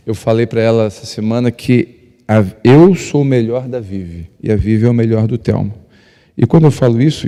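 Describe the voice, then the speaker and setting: A male pastor, telling stories to couples. He speaks loudly by nature, acts out dialogue and jokes with the crowd. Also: on the low side. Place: church hall. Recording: long reverb of a church hall.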